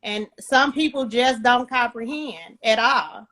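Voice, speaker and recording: High-voiced woman podcast host. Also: slow, sharp tone. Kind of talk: podcast interview chat.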